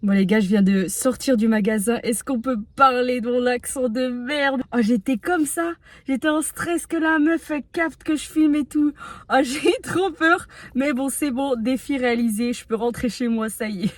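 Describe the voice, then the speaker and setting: A young woman vlogging casually, chatty and self-mocking, quick to exclaim. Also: a little high. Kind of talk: casual vlog chat.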